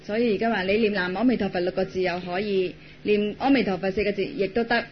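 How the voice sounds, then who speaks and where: Brisk Cantonese-speaking interpreter, fast pace. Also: male voice, sits high, fairly even intonation. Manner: brisk, relaying each phrase. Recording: dull lo-fi recording with faint hiss.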